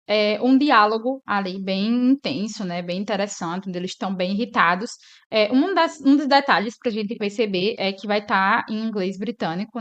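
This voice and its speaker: A woman from Northeast Brazil, explaining an English lesson and often checking in with her listeners. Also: medium pitch. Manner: explanatory, tags sentences with "né?". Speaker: English teacher.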